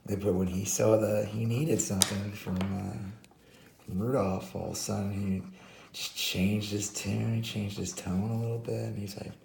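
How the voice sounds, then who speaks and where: Hoarse, low-voiced man rambling. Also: flat delivery, unhurried, a little mellow, roomy sound, slight background noise. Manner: rambling, many fillers, self-interrupting. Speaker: host. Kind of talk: casual commentary while drawing.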